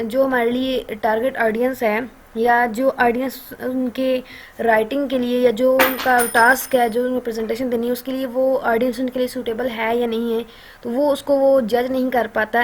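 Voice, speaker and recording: A woman with a Pakistani accent talks through a course lecture in a relaxed, conversational way. Her voice sits a little high, and she often pauses on fillers and checks in with her listeners as she explains. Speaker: online lecturer.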